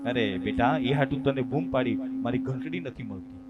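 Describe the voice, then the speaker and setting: A man's voice: medium pitch, normal speed, muffled recording, loud music behind the voice, close to an everyday voice. A man voicing a frail, humble old village father who talks in a simple, pleading way. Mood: innocent.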